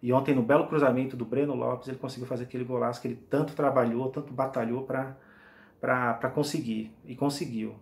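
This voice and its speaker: A man's voice: mid-range voice, fairly even intonation, quick pace, creaky. A man in his forties, a football fan vlogger from Brazil, chatting to camera in a small room, enthusiastic and rambling with many restarts. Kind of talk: casual fan commentary to camera.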